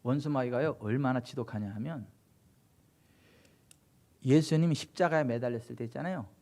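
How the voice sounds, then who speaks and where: A male pastor preaching a sermon, emphatic and full of rhetorical questions, swinging between loud exhortation and hushed low passages. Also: moderate pace. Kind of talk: Korean sermon at a Friday late-night service.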